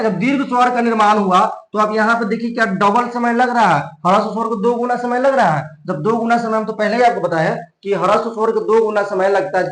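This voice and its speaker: A young man teaches a grammar lesson in a high voice, asking his class questions and answering them himself. He repeats each point and draws out vowel sounds to show how long they last. The recording rings with the echo of the room. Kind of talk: classroom lesson explaining slides.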